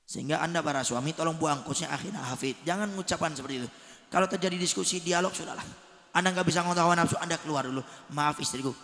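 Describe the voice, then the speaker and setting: Emphatic preacher in an echoey hall. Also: male voice, fairly high pitch, racing. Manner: swings from soft to loud emphatic bursts. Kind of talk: village sermon to married men. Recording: echoey hall with long reverb.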